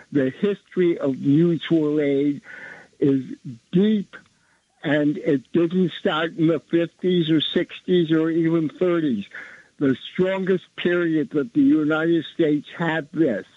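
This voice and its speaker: Slow, raspy man on a tinny phone line. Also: fairly high pitch, no echo. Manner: deliberate, halting phrases. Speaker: call-in listener. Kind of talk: unscripted call-in commentary on history.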